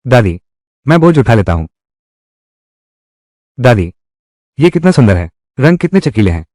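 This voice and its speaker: A man's voice: mid-range voice, big pitch swings, a little slow, darkish tone, no echo, studio quality. A man voicing every role in a dubbed drama, speaking all the parts in much the same voice. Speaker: dubbing voice actor.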